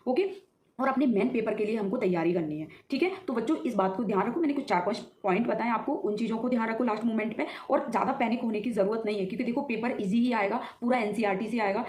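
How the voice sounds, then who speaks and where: A woman talks students through exam nerves at a quick clip, reassuring them and checking in with frequent okays. Her voice bounces around an echoey room. A faint hum of ambience sits behind her. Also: a little high, darkish tone. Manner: reassuring, repeats ok and theek hai often. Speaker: exam prep mentor. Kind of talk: motivational advice video.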